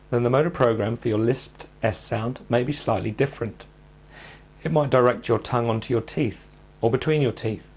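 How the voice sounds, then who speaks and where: Calm male speech therapist narrating. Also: mid-range voice. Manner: calm, measured, step-by-step coaching. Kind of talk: instructional narration.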